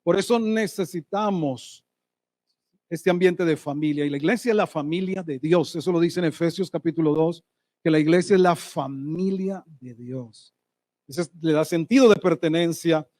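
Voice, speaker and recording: A man preaching a sermon as pastor, lively and asking the congregation rhetorical questions. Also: on the high side, normal speed, no room sound. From Colombia. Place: church hall.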